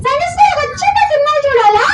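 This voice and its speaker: Puppet show: a stubborn little girl puppet, very high and slow, shouty, sassy, with loud noise behind. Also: big pitch swings, far from the mic.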